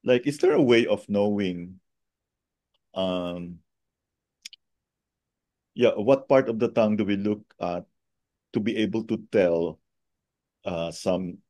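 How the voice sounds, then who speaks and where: A man's voice: deep voice, warm tone, no room sound. A man with a Filipino accent teaching an informal online review, mixing Tagalog and English and often checking in with short tag questions. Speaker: teacher of a Chinese medicine review.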